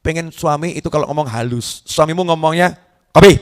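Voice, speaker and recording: Lively, joking male preacher. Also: on the high side, brisk, clean tone. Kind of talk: sermon to a live audience.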